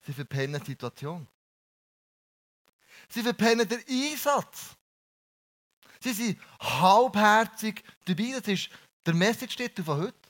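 A man's voice: sits high, big pitch swings, unhurried, long pauses, a bit bright. A man preaching a sermon in a blunt, colloquial way with slang.

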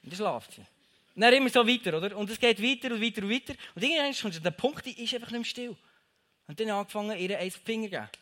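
A young man with a high, animated, fairly bright voice races through a casual devotional talk. He addresses the listener directly and repeats his phrases for emphasis.

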